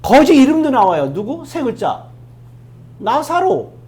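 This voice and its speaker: A pastor preaching a Sunday sermon in a church, firing rhetorical questions at the congregation and dropping from loud emphasis to hushed asides. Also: sits high, sing-song, measured pace. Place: church sanctuary.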